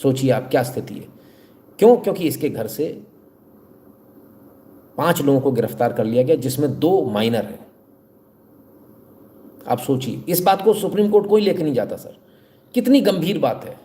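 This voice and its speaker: A man's voice: fairly high pitch, expressive, normal speed, pauses often, warm tone. A man hosting live news commentary, talking straight to viewers with sarcastic, rhetorical questions.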